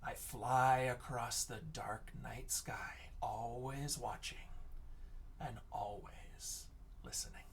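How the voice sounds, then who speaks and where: A male teacher reads a picture book aloud and chats with children, expressive and often dropping to a hushed whisper. His voice sits at medium pitch, slow and creaky. The mic is distant, with a little hiss or hum.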